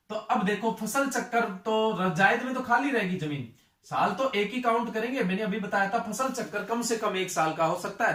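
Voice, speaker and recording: A man's voice: high voice, fairly bright tone, echoey room, distant mic. A male agriculture tutor giving a lecture. He asks his students questions and then answers them himself.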